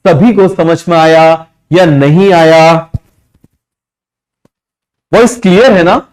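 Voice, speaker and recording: Hindi-speaking man teaching biology live, a little high. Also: darkish tone. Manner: quizzing, repeats questions and answers them himself; mixes English terms into Hindi, drawn out slowly. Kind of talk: live online exam-prep lecture. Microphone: streaming microphone.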